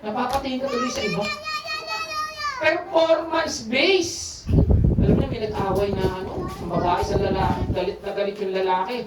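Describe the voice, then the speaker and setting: A woman's voice: mid-range voice, moderate pace. A Filipino woman preaching a sermon to a congregation, often asking for an amen. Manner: lively call-and-response preaching, asks "Amen?" often. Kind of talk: Tagalog sermon. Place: church service, large echoey room. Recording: echoey church hall, far from mic, noisy.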